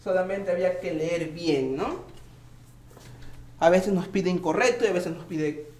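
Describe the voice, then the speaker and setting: A man with a high, light voice walks students through an exam answer by answer. He is patient and keeps checking in with them. The sound is roomy and echoey. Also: a little slow, a little mellow. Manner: patient, checks in with tag questions. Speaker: teacher. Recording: echoey room.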